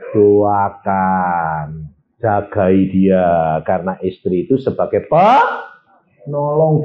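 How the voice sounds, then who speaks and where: An older man preaching a sermon, telling personal stories and acting out the dialogue in them. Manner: animated storytelling, acts out dialogue with big pitch swings. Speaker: pastor. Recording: phone-like narrow band.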